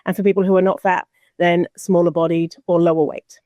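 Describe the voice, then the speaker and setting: A woman's voice: lowish voice, flat delivery, fairly quick, mellow, no echo, dull audio. A woman speaking as a podcast guest in a casual discussion, blunt and emphatic, with a sarcastic edge.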